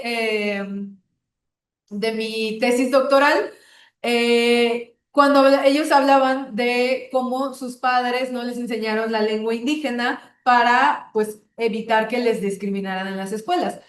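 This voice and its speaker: A woman from Tabasco speaks with a Mexican accent, leading an online workshop in a patient, explanatory way. She keeps checking in with her listeners as she goes. Her voice sits a little high, and the room around her rings with echo. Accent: Mexican Spanish. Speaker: workshop facilitator.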